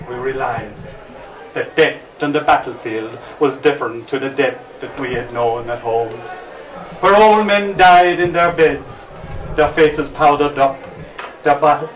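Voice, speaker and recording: Irish storyteller, distant in a roomy bar. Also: male voice, mid-range voice, measured pace. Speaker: storyteller and poet performing. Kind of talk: live spoken-word recitation at an open mic. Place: bar open-mic night, distant microphone. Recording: roomy, noisy bar recording from far off.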